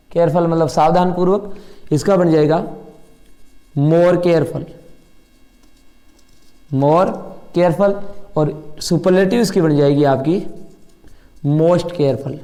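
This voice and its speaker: A man's voice: fairly high pitch, dark tone. A middle-aged man teaching an English grammar lesson in Hindi, explaining step by step and asking and answering his own questions.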